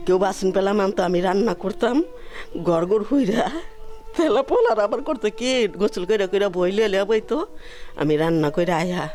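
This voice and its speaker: A woman's voice: medium pitch, a little mellow. A middle-aged woman with a rural Dhaka-area Bangladeshi accent, speaking plaintively and tearfully in grief. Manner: plaintive, repeatedly addressing the listener endearingly. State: tearful, grieving. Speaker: bereaved mother being interviewed. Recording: music laid under the voice.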